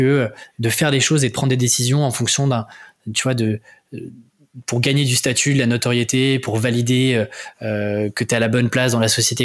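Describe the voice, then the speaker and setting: A man in his twenties, a guest entrepreneur, talking in a casual interview and hesitating often with fillers. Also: mid-range voice. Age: 20s.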